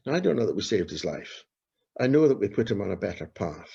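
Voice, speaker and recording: A man's voice: on the low side, very animated, fast, creaky, mellow, slightly rough. A man, a street pastor telling earnest stories in an interview and repeating his key phrases. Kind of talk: storytelling in an interview. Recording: dull lo-fi recording.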